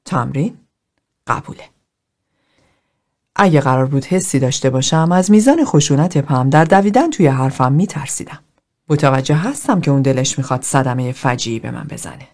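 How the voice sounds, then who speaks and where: Female narrator voicing an aloof man: flat, unemotional, low and quiet. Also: full character voice. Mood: detached. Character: cold, detached man, aloof loner.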